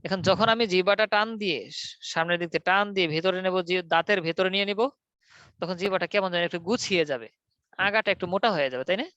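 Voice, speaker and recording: Male online teacher, high clear voice, patient drilling, dry and slightly muffled call audio. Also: fast talker, bright, forceful tone, dry recording. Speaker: Quran recitation teacher. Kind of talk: online class on Arabic letter pronunciation. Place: online video class.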